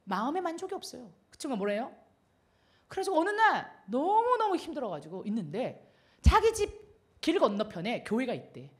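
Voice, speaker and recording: A woman's voice: high voice, normal speed. A middle-aged woman missionary telling stories in a sermon, acting out the dialogue and laughing often. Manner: animated storytelling, acts out dialogue, laughs often. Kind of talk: sermon with storytelling.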